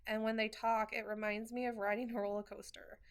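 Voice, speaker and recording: A woman's voice: on the high side, level tone, brisk, smooth. A woman reading a first-person novel chapter aloud, in an earnest way with wry asides and small restarts. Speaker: reader of a novel.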